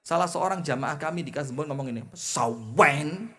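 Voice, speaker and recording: Javanese-accented preacher guy, kinda high voice, chants arabic slow then explains it chatty, gets loud then goes soft. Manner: swings between loud emphasis and soft asides; folksy, mixes in homely jokes. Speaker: Islamic preacher. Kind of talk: lively sermon.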